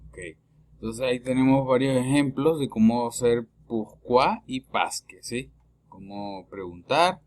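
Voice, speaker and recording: A man giving a recorded French lesson in Spanish, patient, saying words slowly twice and checking with a quick "¿sí?". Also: mid-range voice. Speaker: French teacher.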